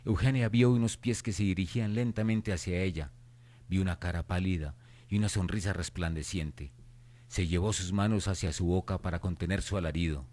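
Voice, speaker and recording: Low-voiced man narrating radio horror. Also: steady tone, a little fast, a little mellow.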